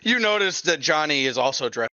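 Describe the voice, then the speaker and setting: Lively-voiced man running a tabletop game. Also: on the high side, a little fast, no echo. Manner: loose, casual narration with frequent laughs. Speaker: game master. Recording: dull, lo-fi and dry.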